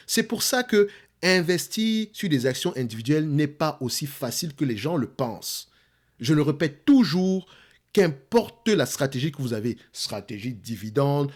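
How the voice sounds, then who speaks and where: A man with a Cameroonian French accent, a channel host explaining stock analysis in an emphatic, teacherly way, repeating points and asking rhetorical questions. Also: a little high.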